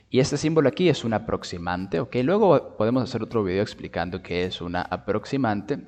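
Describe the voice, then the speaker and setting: Low-voiced man teaching phonetics, reverberant room. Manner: explains patiently, demonstrates sounds slowly and drawn out; checks in with "¿vale?" and "¿ok?". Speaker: linguistics teacher. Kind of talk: explanatory video lesson.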